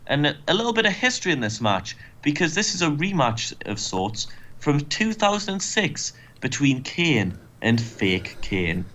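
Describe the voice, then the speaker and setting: A man's voice: a little high, big pitch swings, unhurried, fairly bright tone, a little hiss or hum. Wry man commentating a game. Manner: joking, wry. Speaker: let's play host.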